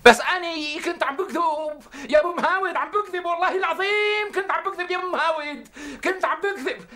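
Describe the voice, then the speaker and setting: A man's voice: mid-range voice, normal speed. A man with a Syrian Arabic accent, playing a boastful village liar who tells tall tales and pleads with his friends. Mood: storytelling. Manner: animated, pleading, lively storytelling. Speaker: storyteller among village men. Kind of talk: TV comedy sketch acting.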